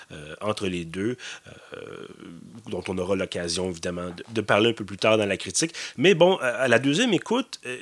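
A man's voice: on the low side, fairly bright tone. A man with a Québécois French accent hosting a podcast, talking through a film review in a casual, hesitant way with many fillers and self-corrections. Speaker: podcast host and film critic.

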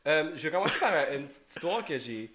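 A man's voice: on the high side, sing-song, quick pace, a bit bright. A young man with a Québécois French accent hosting a casual podcast, rambling and repeating himself as he talks. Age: young adult. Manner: rambling, self-interrupting, repeats words. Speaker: podcast host. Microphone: home podcast mic.

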